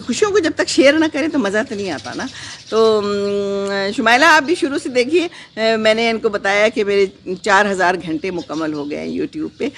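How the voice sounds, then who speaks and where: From her garden, a woman with a medium-pitched voice hosts an easygoing live stream and reads out what viewers write. She talks softly and reflectively, pausing as she goes, weaving in English phrases along with prayers, blessings and wishes, against a faint hiss or hum.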